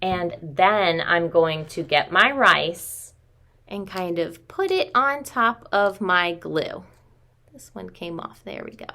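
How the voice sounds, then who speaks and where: Her pitch fairly low and her tone bright and forceful, a thirtysomething preschool teacher speaks slowly as she shows young children a craft. She's in a small room at home, keeping her words simple and treating her listeners as friends.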